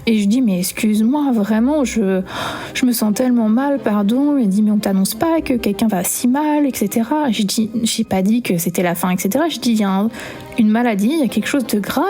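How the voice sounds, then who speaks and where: A young woman recounts her own paranormal experience in a loose, conversational way, acting out each exchange with many pauses and fillers. Her voice sits a little high but has a soft, mellow tone. Faint music plays underneath. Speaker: guest telling her own paranormal story. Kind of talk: spoken personal testimony.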